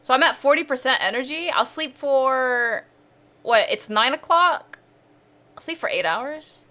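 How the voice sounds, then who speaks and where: A woman's voice: high-pitched, lively intonation, a little slow, pushed and bright, slight background noise. A woman streamer chatting casually over gameplay, thinking aloud and asking herself questions.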